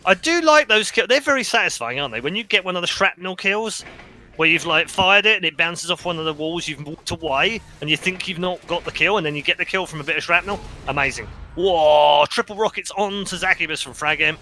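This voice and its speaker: A man commentating a video game match, joking around and shouting at big plays. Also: high-pitched, animated, fast talker, a little hiss or hum. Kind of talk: esports commentary.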